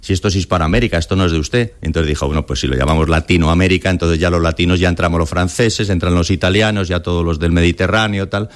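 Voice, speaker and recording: Speaking fast and deep with a steady tone and hardly a pause, this interview guest from Spain spins colloquial stories in a Castilian accent. Now and then he voices imagined quotes.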